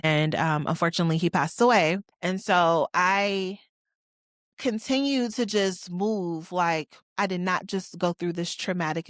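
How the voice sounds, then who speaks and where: This Detroit podcast host, a woman of forty, speaks on the low side as she candidly and conversationally reflects on her life, slipping in casual slang. The solo monologue is recorded dry, in studio quality.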